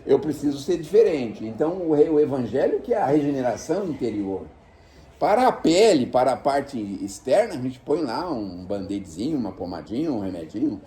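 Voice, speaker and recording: A man giving an informal spiritual lecture to a live audience, animated and folksy. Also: mid-range voice, brisk. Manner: animated, folksy, uses diminutives and acted asides.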